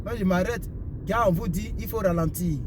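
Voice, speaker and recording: Young ivorian man, very high voice, preachy and repetitive, talking in his car, faint road noise. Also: moderate pace. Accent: Ivorian French. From Ivory Coast. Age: young adult. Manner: repetitive, preachy, asks "vous comprenez un peu?". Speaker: vlogger giving life advice. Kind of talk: casual advice talk while driving.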